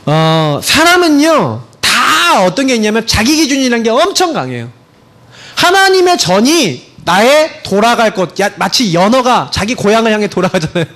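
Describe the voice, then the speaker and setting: A man's voice: very high voice, big pitch swings, normal speed, fairly bright tone. A man in his thirties, a pastor, preaching a conversational sermon full of rhetorical questions and acted-out anecdotes. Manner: acts out his own lines to his child.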